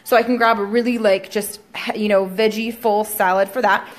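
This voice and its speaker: In a steady, mid-range voice at a moderate pace, a young adult woman who works as a fitness coach talks casually to viewers from her home kitchen. She's chatty, uses many fillers like um, and calls them "guys," filming the vlog tutorial on a phone at arm's length.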